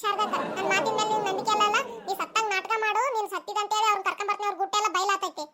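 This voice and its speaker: A woman's voice: extremely high pitch, little pitch movement, rapid-fire, pushed and bright. Woman doing a gossipy village neighbor. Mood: sly. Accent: North Karnataka Kannada. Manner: confiding, gossipy.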